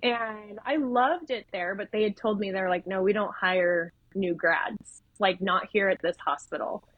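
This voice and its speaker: A woman's voice: mid-range voice, unhurried, no echo, phone-quality sound. A woman from Idaho, a podcast guest and nurse educator, telling stories in casual conversation and acting out the voices of people she quotes. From Idaho, USA. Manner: animated, acts out quoted dialogue with shifts in voice.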